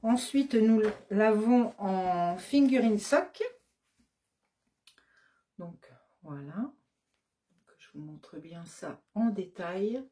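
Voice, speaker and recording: A woman's voice: medium pitch, animated, extremely slow, long pauses, dark tone. A woman who runs a yarn shop, casually showing her new colorways on camera, listing the colors one by one with many hesitant fillers. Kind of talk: casual product show-and-tell.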